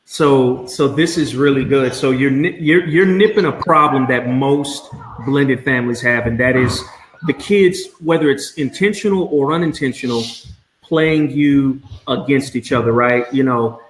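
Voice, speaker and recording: Host, male, 40s, lively interviewer, roomy echoey sound. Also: mid-range voice, a little slow. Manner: animated, repeats and restarts phrases. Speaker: podcast host. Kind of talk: conversational interview. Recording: roomy echo, faint noise.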